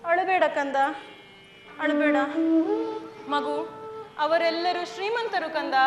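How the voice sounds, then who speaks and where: A poor, loving mother in a stage play, soothing and sorrowful, as a woman acts her out. Her voice is very high. The sound is echoey, with faint music behind.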